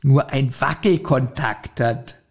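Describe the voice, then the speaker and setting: A man co-hosting a podcast offers opinionated commentary on a story in informal chat, casually reviewing an audio drama. His voice is mid-range, slow, a little mellow and husky.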